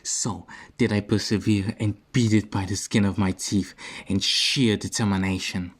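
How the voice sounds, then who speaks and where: A man's voice: on the low side, steady tone, normal speed. A young man casually commenting on a video game, joking and self-mocking as he rambles through it. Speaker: gaming video host.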